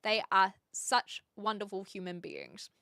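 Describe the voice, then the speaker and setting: A woman's voice: mid-range voice, wildly swooping pitch, a little slow, gravelly, bright, forceful tone, clear, resonant tone, no echo, clean studio sound. A woman with a mild New Zealand accent chatting casually to livestream viewers in a playful, self-deprecating way. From New Zealand, Hamilton. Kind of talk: casual livestream chat, reading and answering viewer comments.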